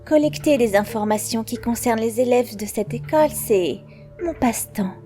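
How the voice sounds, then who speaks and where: A woman voicing a sly, composed teenage schoolgirl informant in a French anime fan dub, speaking in a knowing, measured way. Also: on the high side, mellow, soft background music, close to an everyday voice. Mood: smug, mysterious.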